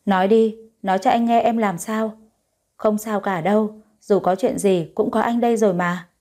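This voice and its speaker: A woman voicing a gentle, caring young man in an audio story, speaking in a calm, soothing way. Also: mid-range voice, moderate pace, natural voice. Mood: tender.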